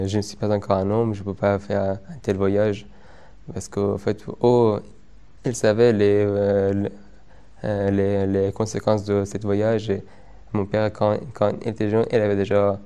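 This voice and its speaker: A man's voice: fairly low pitch, dark tone, clean tone. Stuttering young man. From Afghanistan. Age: young adult. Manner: stutters, many repeated words and pauses. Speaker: interviewee. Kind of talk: testimony interview.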